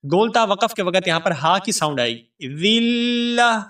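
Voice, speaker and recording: A man teaching tajweed, chanting verses slowly and melodically and explaining the rules quickly and plainly. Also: high voice, animated, fairly bright tone, far from the mic. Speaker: Quran recitation teacher. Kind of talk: tajweed lesson with recitation.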